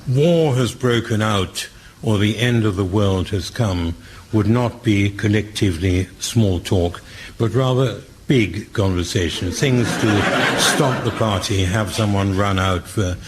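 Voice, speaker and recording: A man speaking as a radio panelist, with a dry, measured wit. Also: on the low side, a little hiss or hum.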